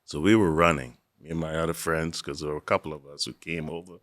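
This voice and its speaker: A man's voice: a bass voice, steady tone, fast, a bit bright, dry recording, clean studio sound. A man from the Bahamas telling his story as an interview guest, earnest and reflective.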